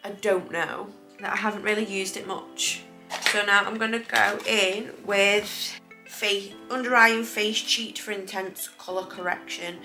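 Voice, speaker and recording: A woman's voice: medium pitch, steady tone, measured pace, music in the background, poor audio. A British woman chatting casually to camera as a beauty vlogger, rambling and correcting herself, her speech slightly impeded after dental work. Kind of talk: casual makeup review chat to camera.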